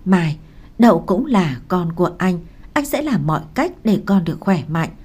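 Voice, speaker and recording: A woman's voice: lowish voice, very animated, normal speed, a little mellow, breathy edge. A woman reading a reassuring, devoted young husband. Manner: reassuring, earnest.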